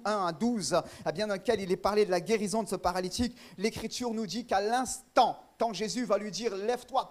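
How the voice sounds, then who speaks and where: Pastor, male, high-pitched, fervent and emphatic preaching with repeated phrases, church sermon.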